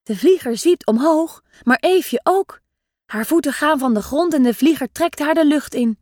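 A woman reading a children's story aloud in a lively, expressive way. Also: high-pitched, moderate pace, no room sound, clean studio sound.

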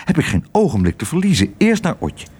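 A man's voice: on the high side, huge pitch swings, a little fast, a little mellow, breathy edge, voice pushed up, exaggerated voice. A man voicing an anxious, impatient sailor father who talks urgently. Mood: worried. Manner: urgent, agitated.

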